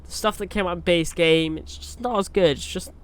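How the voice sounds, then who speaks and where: Chatting over a truck-driving game, this young YouTuber, who has a cold, rambles casually, full of fillers and false starts. He sits high, talks a little fast, and sounds smooth.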